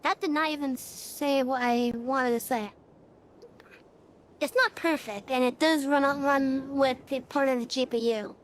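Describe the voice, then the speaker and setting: A woman's voice: high-pitched, fairly even intonation, a little slow, a little hiss or hum. A streamer in casual, rambling chat with many fillers, her voice run through an AI voice changer. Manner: rambling, chatty, frequent fillers.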